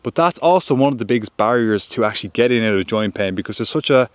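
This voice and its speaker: A man's voice: mid-range voice, expressive, quick pace, clean tone, dry recording. A man talking straight to camera as a joint pain coach, telling a story to make his point with earnest, repeated emphasis. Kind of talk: direct-to-camera advice with a story.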